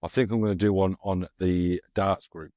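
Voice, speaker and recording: Deep-voiced man hosting a quiz. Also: fairly even intonation, normal speed, warm tone, dry recording. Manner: asks quiz questions, laughs easily. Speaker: podcast host running a quiz. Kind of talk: casual chat.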